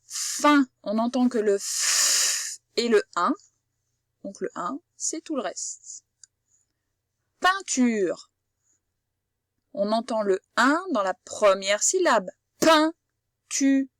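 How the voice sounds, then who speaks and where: A woman teaches a child to read. She speaks slowly and patiently, sounding out each word with care, in a slightly high voice. The recording is dry and close, with no room sound. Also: lively intonation, fairly bright tone, no echo. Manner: slow, patient, carefully articulated explanation. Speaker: primary school teacher. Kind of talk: phonics lesson for children.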